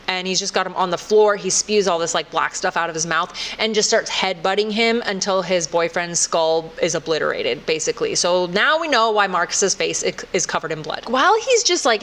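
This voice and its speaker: A woman's voice: on the low side, fairly bright tone. A woman hosting a casual horror movie recap, chatty and rambling with many fillers.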